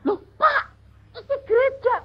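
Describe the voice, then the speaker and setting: A male preacher voicing an anxious, flustered church pastor who pleads in a raised, high voice. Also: normal speed, muffled recording, slight background noise.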